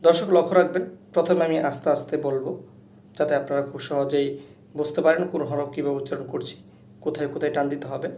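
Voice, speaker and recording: A man teaching Quran recitation step by step, explaining how each letter is said before chanting each verse slowly and loudly. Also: fairly high pitch, fairly even intonation, slight background noise. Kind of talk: slow step-by-step recitation lesson. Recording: echoey room.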